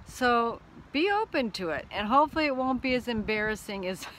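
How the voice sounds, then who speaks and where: A woman's voice: on the high side, animated, fairly quick, fairly bright tone, a little hiss or hum, poor audio. A woman teaching about prophecy, telling a personal church story in a casual way and acting out the voices in it.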